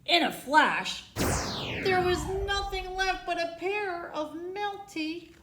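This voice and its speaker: With music playing underneath, a very high-pitched woman reads a children's storybook slowly and expressively. As a library storytime host she's theatrical, often quizzing young listeners, and the room echoes.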